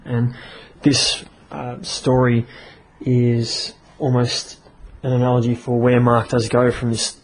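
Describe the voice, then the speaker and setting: A man casually reviewing a comic on his podcast, chatty and halting with many fillers. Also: mid-range voice, completely flat delivery, poor audio. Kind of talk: casual review and story reading.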